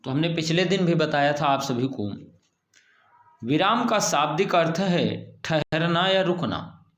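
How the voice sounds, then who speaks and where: Male school teacher, patient and explanatory, fairly high voice, echoey room. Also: lively intonation, measured pace, fairly bright tone. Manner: patient, explanatory, repeats key points. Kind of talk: recorded grammar lesson for students.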